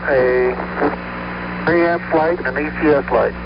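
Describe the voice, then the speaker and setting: A man's voice: a little high, fairly even intonation, unhurried. Man on crackly, breaking-up space radio. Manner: clipped, businesslike callouts. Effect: breaking-up space radio transmission. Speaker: astronaut. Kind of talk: terse radio checklist talk. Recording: hissy, muffled archival space radio.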